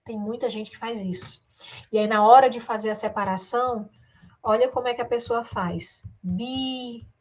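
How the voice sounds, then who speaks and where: Speaking at normal speed in a steady, highish voice, a woman with a Brazilian Portuguese accent runs an exam-prep grammar lesson. She draws out words syllable by syllable and talks straight to her students, peppering them with rhetorical questions.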